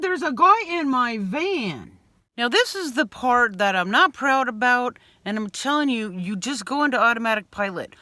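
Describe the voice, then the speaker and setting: A woman vlogger telling a story to camera in an animated way, acting out scenes and yelling some lines. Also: mid-range voice, no echo. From Bay Area, California. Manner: expressive, acts out scenes with loud bleeped yelling. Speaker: van life vlogger.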